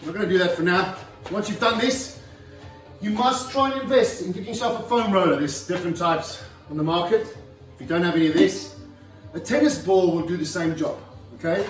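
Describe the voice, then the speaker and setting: High-voiced man coaching a workout. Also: a little fast, distant mic, faint music behind. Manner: instructive, demonstrating while talking. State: out of breath at times. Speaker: fitness trainer. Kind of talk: home workout instruction. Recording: echoey room, voice from afar.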